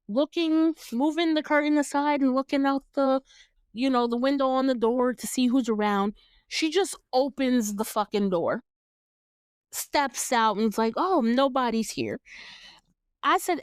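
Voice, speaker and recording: A chatty woman retells a film scene by scene, swearing and laughing as she goes. Her voice sits a little high, smooth and resonant, recorded close and dry. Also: dry recording. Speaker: podcast host reviewing a film. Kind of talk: casual movie recap chat.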